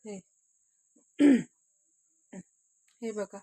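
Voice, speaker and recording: A woman's voice: medium pitch, very slow, mellow, no room sound. A woman vlogging casually about her home outdoors at dusk, filming on a phone as she walks and chats, often repeating herself to point things out. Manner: chatty, repeats "hey bagha" often. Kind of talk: casual home tour vlog.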